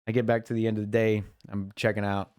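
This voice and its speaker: A man's voice: on the low side, little pitch movement, quick pace, a little mellow, clear, resonant tone, dry recording, studio quality. A man co-hosting a podcast, telling long rambling stories about his work week in casual chat and quoting coworkers. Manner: rambling storyteller, mimics coworkers in quotes. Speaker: podcast co-host.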